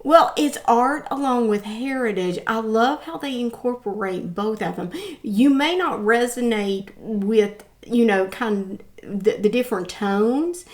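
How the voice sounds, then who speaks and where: A woman's voice: on the high side, unhurried. A woman co-hosting a music reaction show, talking earnestly and casually, often murmuring agreement. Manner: earnest, with frequent affirming murmurs. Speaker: co-host of a music reaction channel.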